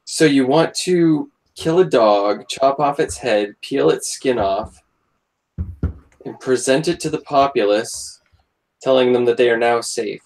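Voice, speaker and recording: A man's voice: mid-range voice, unhurried, vocal fry, darkish tone, rough recording. A man playing a tabletop game, dry and questioning. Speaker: player.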